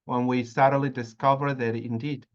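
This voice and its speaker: A man in an academic discussion on counseling practice. He lectures earnestly and pauses often with hesitations. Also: mid-range voice, level tone. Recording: dull lo-fi audio.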